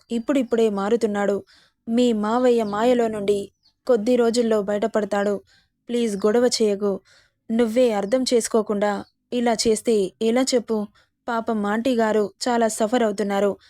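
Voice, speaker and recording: A woman voicing a young man who pleads with a friend to stay calm, in a storybook. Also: fairly high pitch, no echo, studio quality, lightly acted. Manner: pleading, soothing.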